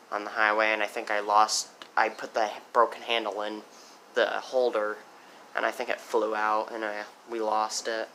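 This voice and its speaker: A teenage boy showing off mowers in a casual vlog, rambling and correcting himself, getting excited as he goes. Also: lowish voice, a little hiss or hum. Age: teens. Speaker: small engine vlogger. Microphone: handheld phone.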